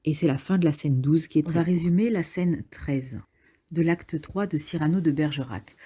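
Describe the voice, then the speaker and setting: Low husky woman, hesitant casual summary. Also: normal speed, mellow. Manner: hesitant, frequent fillers, thinks aloud. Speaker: literature summarizer. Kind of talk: casual spoken play summary.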